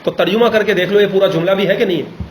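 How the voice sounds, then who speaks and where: A man's voice: sits high, steady tone, reverberant, slight background noise, poor audio. A male teacher leading an Arabic grammar class, patiently correcting and quizzing his students.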